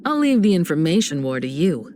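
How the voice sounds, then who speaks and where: An actress voicing Himeko, a graceful, composed and warm space navigator in a video game, with a poised, gently reassuring manner. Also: female voice, sits low, very animated, brisk, slight background noise. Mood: encouraging, gracious. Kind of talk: polished game voice acting.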